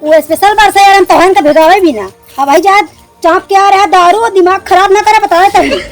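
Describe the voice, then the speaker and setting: A woman's voice: extremely high pitch, brisk, faint music behind. A woman playing a fed-up village wife of a drunkard in a comedy sketch, nagging and complaining with an Awadhi accent. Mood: scolding.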